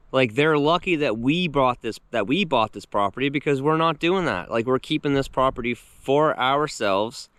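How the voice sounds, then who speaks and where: A man's voice: medium pitch, smooth, no echo. A man in his thirties vlogging outdoors on his rural property, telling a story and acting out what people said. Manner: animated retelling, acting out quotes. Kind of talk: casual storytelling to camera.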